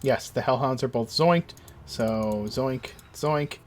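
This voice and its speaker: A man narrating as game master of a tabletop game in a casual, halting, improvised way. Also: medium pitch, a little hiss or hum.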